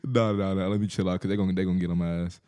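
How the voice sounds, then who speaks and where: A man's voice: sits low, steady tone, racing, dark tone. A man co-hosting a podcast, joking and teasing his friends in casual banter. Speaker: podcast co-host.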